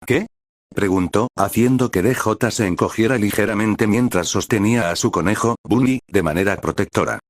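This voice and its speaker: A man narrating a fan story in a steady, even reading voice. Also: on the low side, fairly quick, few pauses, no echo.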